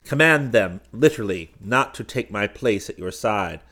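A man's voice: on the low side, expressive, moderate pace, fairly bright tone. A man voicing a commanding alien warrior prince who gives urgent orders.

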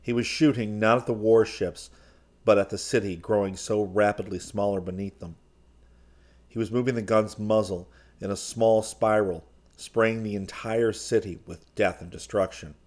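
A man narrating a science-fiction audiobook in a steady, measured reading. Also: fairly low pitch.

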